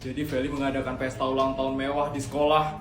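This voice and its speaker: A dutiful male bodyguard with a low, respectful voice, as a performer puts him on. It sounds roomy, with music playing. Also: flat delivery, fast, lightly acted. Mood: deferential. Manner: deferential, low. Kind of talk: comedy skit voice acting.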